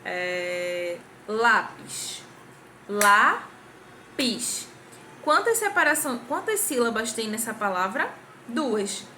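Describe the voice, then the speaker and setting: Woman, Brazilian Portuguese accent, young adult, primary school teacher, patient, asks questions, high bright voice. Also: big pitch swings, takes it slowly, a little hiss or hum. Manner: patient, claps out syllables, asks the class questions. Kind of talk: recorded grammar review lesson for children.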